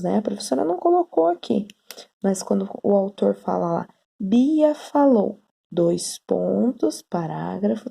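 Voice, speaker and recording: A woman's voice: medium pitch, vocal fry, dark tone, breathy edge. A woman teacher giving a patient online lesson on writing, checking in often with her students. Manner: slow, patient explaining with frequent "tá?" and "né?".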